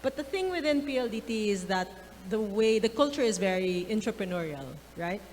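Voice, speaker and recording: Woman, tech executive, casual, soft-spoken, middle pitch, reverberant hall. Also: expressive, fairly quick. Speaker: tech company executive, panelist. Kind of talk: panel talk.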